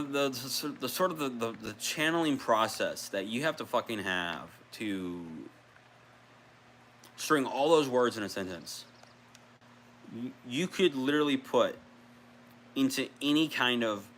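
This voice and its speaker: A man's voice: medium pitch, fairly bright tone, a little hiss or hum. A man rambling casually on a gaming vlog, restarting sentences and swearing now and then. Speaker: video creator.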